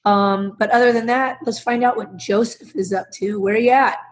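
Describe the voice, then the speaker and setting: A woman co-hosting a casual podcast in a chummy, slangy way, with a hoarse smoker's rasp and a congested sound from a sinus bug. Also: fairly high pitch, fairly even intonation, normal speed, a little hiss or hum. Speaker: podcast co-host.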